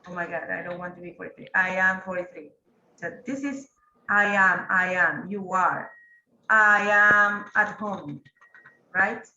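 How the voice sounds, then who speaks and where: A woman's voice: fairly low pitch, a little slow, pushed and bright, echoey room, highs cut off. A woman, teaching an English grammar class and patiently prompting students. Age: 40s.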